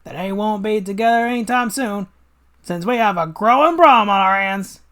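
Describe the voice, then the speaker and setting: Man playing a cocky, raised-pitch cartoon hero. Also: moderate pace, sharp tone. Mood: fired up. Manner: brash, punchy, taunting. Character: cocky wisecracking young cartoon animal heroes. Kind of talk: dramatic comic read-along.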